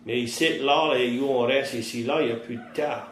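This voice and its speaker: A man's voice: mid-range voice, steady tone, a little fast, a bit bright. A man in his fifties with a Cajun French accent, plain-spoken in rural vernacular, recounting his life in an interview. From southern Louisiana, United States. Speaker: interviewee, trapper and fisherman. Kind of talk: oral-history interview, recounting past life. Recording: roomy echo, faint background noise.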